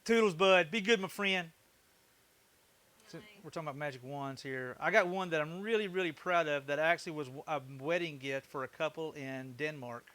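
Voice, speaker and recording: Bright-voiced Southern man chatting on a livestream. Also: a little high, normal speed. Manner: easygoing, folksy, chatty with viewers. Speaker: woodworking livestream host. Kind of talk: casual livestream chat while working.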